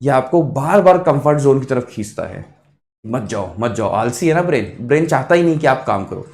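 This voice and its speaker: A man teaching a live online exam-prep math class, encouraging, repeating each answer, and mixing quick calculation with motivational asides. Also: mid-range voice, animated, creaky, darkish tone. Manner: encouraging, repeats answers, addresses students as kids.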